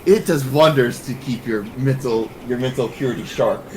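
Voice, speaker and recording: A man's voice: medium pitch, moderate pace, very noisy, close to an everyday voice. A man voicing a jittery bird-man who never sleeps and swigs energy tonic, talking in stammering, overeager bursts. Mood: insistent.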